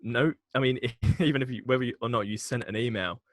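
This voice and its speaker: A man's voice: mid-range voice, a little fast, no room sound. A man, a podcast guest talking frankly and casually about his marketing work, laughing and swearing now and then. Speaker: podcast guest, agency founder.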